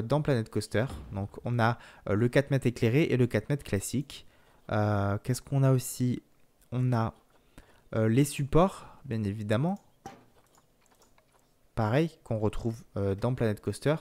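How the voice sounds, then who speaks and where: A man hosting a relaxed game walkthrough, explaining features with many filler pauses. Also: medium pitch. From France. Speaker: gaming video host.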